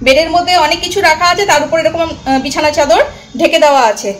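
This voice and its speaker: A woman's voice: high voice, fairly even intonation, fast talker, a little hiss or hum. A woman chatting to her viewers in a casual vlog as she shows around her emptied home, her voice ringing in the echo of a bare room. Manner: chatty, showing things around. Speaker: vlogger. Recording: echoey empty room.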